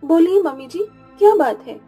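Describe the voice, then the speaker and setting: A man's voice: extremely high pitch, animated, normal speed, faint music behind, pitched above the performer's own voice. A man voicing a meek, tearful young bride in a spoken storybook. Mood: timid. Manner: pleading, soft and submissive. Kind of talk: storybook narration with voices.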